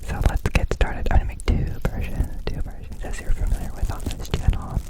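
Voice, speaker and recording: Male ASMR host, fully whispered and unvoiced, rambling with soft repetition of words. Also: a little fast. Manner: softly repeats words and phrases.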